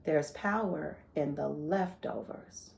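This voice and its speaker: A woman speaking in a slightly low voice, telling a lively inspirational story. She talks in a casual, conversational way, often checking in with her listeners and acting out the voices of the people she describes. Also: slow pace, vocal fry. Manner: conversational, asks "right?" often. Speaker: motivational speaker. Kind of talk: informal inspirational talk.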